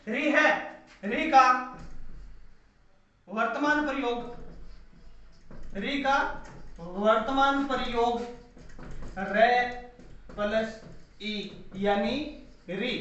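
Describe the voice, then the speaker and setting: A man lectures in a sharp, very high voice, repeating each point and firing questions at his students. The room rings with heavy echo, and the recording sounds muffled. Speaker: teacher. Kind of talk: classroom grammar lecture. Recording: echoey dull-sounding room.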